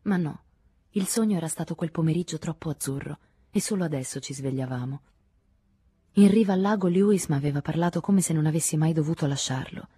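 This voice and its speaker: Low raspy lady reading a novel aloud, slow and intimate, dry studio sound. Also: warm tone, no echo. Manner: measured, intimate first-person telling. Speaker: audiobook narrator. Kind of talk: literary audiobook narration.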